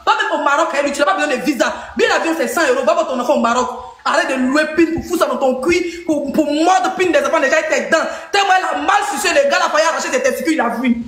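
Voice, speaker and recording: A woman in a heated live-stream clash, mocking and shouting insults between laughs. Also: high-pitched, very fast, roomy sound.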